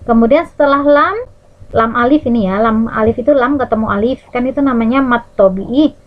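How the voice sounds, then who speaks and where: A woman with an Indonesian accent teaches recitation rules in a bright, fairly high voice, pausing to sing out Arabic words slowly as examples. Her teacherly tone keeps checking in with the class. The recording sounds a bit dull and lo-fi. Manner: lively teacherly, checks in with "ya" and "nah". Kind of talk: Quran recitation rules lesson for children.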